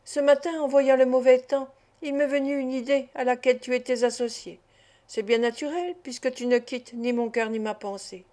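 A lively, loving young Parisian woman, as a woman narrator voices her, with a bright teasing gaiety in her talk. The voice sits a little high yet sounds mellow and soft. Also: normal speed, close to an everyday voice. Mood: tender.

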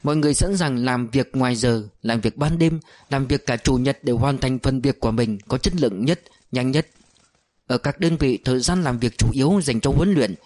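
A man narrating an audiobook in a steady, measured storytelling voice. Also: mid-range voice.

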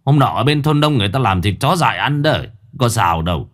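Gruff hot-tempered village father, played by a man. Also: mid-range voice, big pitch swings, fast. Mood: dismissive. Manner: gruff, blustering.

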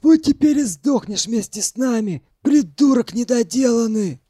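A man's voice: very high voice, lively intonation, moderate pace, dark tone, husky, no echo, pitched above the performer's own voice, exaggerated voice. A man voicing a gloomy, bitter male captive who speaks sullenly and spitefully.

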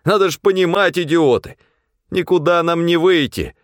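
A man's voice: very animated, measured pace, no echo, studio quality. A man voicing an irritable, panicking male supply clerk who whines and complains. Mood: desperate. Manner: whiny, shrill, complaining.

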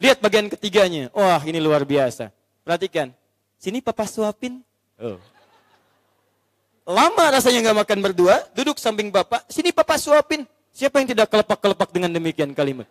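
A male Islamic preacher giving a sermon in lively, animated storytelling that acts out the characters. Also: fairly high pitch, no echo, long reverb tail.

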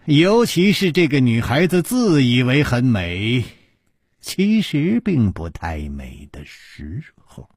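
A male storyteller playing a witty, mocking swordsman hero who teases slowly and jumps up in pitch when surprised. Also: sing-song, darkish tone, breathy edge, no room sound, clean studio sound, heavily acted. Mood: teasing. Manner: teasing and drawn out, with sudden surprised jumps in pitch.

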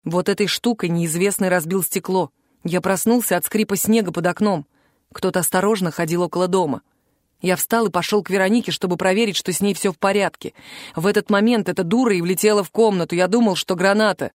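Practical male bodyguard read by a woman, brisk and matter-of-fact, storybook figure. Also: on the low side, no room sound, clean studio sound, close to an everyday voice. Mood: explaining.

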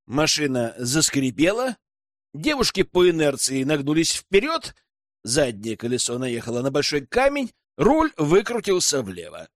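A man reads a fantasy tale aloud with lively, expressive pitch. His voice sits a little high for a man. The recording is dry and close. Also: unhurried, dry recording. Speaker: narrator. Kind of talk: audiobook narration.

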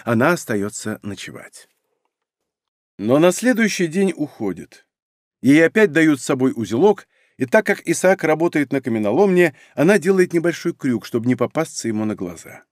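A man narrates a novel with an expressive, dramatic reading. His voice sits a touch high for a man. The studio sound is dry and close. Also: moderate pace, dry recording. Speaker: audiobook narrator. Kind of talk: scripted narration. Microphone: studio microphone.

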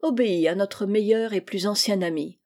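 A woman voicing a gentle, doting mother in a storybook reading, tender and indulgent. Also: mid-range voice, normal speed, lightly acted.

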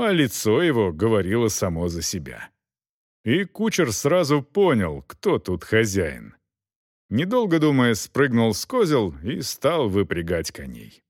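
Expressive male audiobook narrator. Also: medium pitch, no room sound, studio quality.

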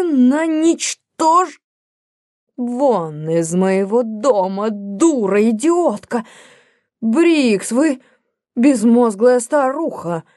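Female reader doing an old spinster, high, shrill, imperious; mellow tone, dry studio sound. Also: no echo. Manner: shrill, indignant outbursts. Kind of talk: audiobook character voice.

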